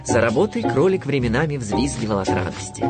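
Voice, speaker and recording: A man narrating a children's audiobook in a lively, expressive storytelling manner. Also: mid-range voice, a little fast, loud music behind the voice.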